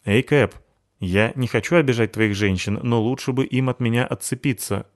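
A man reading an audiobook voices a sharp-tongued young woman fighter who mocks and taunts. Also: medium pitch, lightly acted. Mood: calm. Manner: mocking, quick. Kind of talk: audiobook character voicing.

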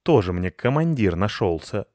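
A grumpy ginger tomcat hisses his complaints, as a male storyteller puts him on. The voice stays low and is slow when sulking. The reading is dry and close. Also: very animated, darkish tone, no echo. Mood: grumbling, indignant. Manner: hissing, indignant.

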